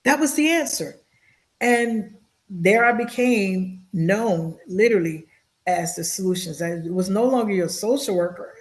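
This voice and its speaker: A woman's voice: mid-range voice, a little slow. A woman in her fifties speaks as a podcast guest with an earnest, heartfelt delivery. She circles back on her own phrases and repeats words for emphasis. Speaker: podcast guest, social worker. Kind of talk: heartfelt interview talk.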